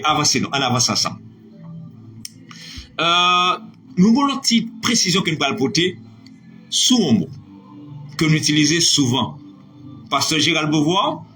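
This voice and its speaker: A man leads a live online lesson, his voice high and bright as he spells words out letter by letter. His pitch rises and falls energetically while he cheers on students, with faint music playing behind him. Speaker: online French teacher.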